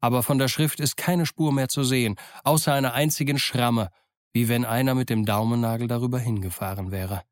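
Man, audiobook narrator, steady first-person storytelling, dry recording. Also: medium pitch, brisk, no echo. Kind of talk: scripted narration.

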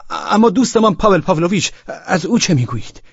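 Man doing a drunk, excited young man, stammering and high. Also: gravelly, husky, no room sound, highs cut off, heavily acted. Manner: eager, stammering, high-pitched and rushed.

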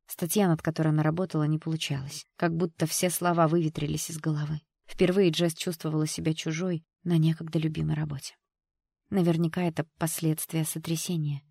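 Woman reading an audiobook, deep voice, measured and even, dry close recording. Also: creaky, husky, dry recording. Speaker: audiobook reader. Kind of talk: scripted audiobook narration.

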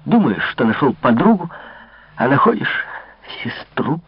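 A man's voice: medium pitch, sing-song, measured pace, dry recording, pitched above the performer's own voice. Man whispering as a tormented young king. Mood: tormented, hushed. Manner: hushed, breathy whispering. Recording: dull lo-fi dry recording.

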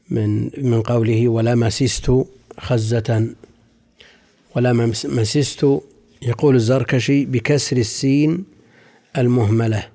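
A man explaining hadith in a slow scholarly lecture, measured and careful, lingering over word forms and quoting commentaries. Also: mid-range voice, dark tone.

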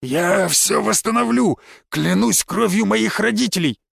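A man's voice: fairly high pitch, slow pace, vocal fry, no room sound, heavily acted. A cornered young bully, as a male narrator puts him on, desperate and pleading in a raised voice. The reading is dry and close, as in an audiobook.

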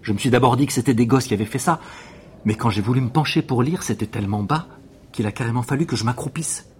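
A man's voice: mid-range voice, quick pace, a little hiss or hum, natural voice. An actor playing an eager male witness who insists on explaining everything at length.

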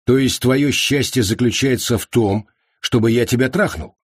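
A man voicing a calm, broad-shouldered man who speaks unhurried and slightly haughty. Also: medium pitch, breathy edge, dry recording, clean studio sound, pitched above the performer's own voice, natural voice.

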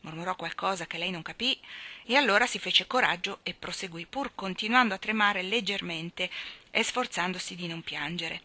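Bright-voiced woman reading a novel. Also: on the low side, normal speed, no echo. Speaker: audiobook reader. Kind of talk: scripted narration of a novel.

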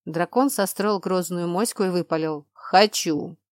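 A woman's voice: mid-range voice, normal speed, no room sound. Woman narrating a storybook, dry close sound. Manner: lively, exasperated quotes of the heroine. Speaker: audiobook narrator. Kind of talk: first-person storybook narration.

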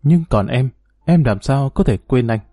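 A man voicing a hurt, bitter young woman who was once married, speaking in a pleading tone in his own mellow, dry-sounding voice. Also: medium pitch, lively intonation, moderate pace, dry recording. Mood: grieving.

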